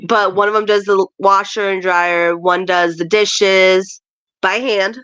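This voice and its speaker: A woman's voice: mid-range voice, steady tone, unhurried, fairly bright tone, clean tone, dry recording, highs cut off. A woman from Chile, a stepmother of a big household, chatting casually, laughing and rambling as she tells stories. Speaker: guest, stepmother of a large household. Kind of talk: casual chat.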